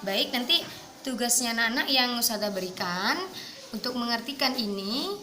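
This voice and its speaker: A woman teacher with an Indonesian accent giving an online lesson, saying English phrases slowly for students to repeat. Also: on the high side, bright, forceful tone, reverberant, a little hiss or hum.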